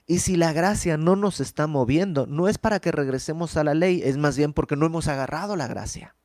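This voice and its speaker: A man's voice: a little high, a little fast, darkish tone, dry recording. A man teaching a verse-by-verse Bible study in an earnest, emphatic, conversational way.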